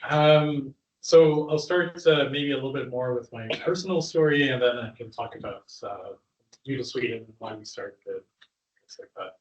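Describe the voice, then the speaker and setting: A Canadian man in his thirties speaking to a live audience as the guest, chatty and relaxed, laughing now and then. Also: mid-range voice, normal speed. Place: room with an audience. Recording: dull, roomy sound from a distant mic.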